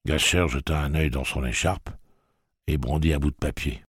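Male audiobook narrator, extremely deep, husky, dry close recording. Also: normal speed, no echo. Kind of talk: scripted narration.

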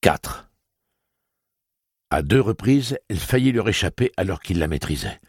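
A man narrating an audiobook with an expressive, dramatic reading. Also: low voice, unhurried, husky, no echo, studio quality. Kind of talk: scripted narration.

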